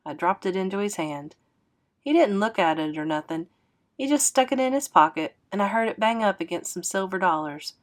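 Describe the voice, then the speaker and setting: With a medium-pitched voice, a woman in the role of teacher gives an expressive reading of a children's novel.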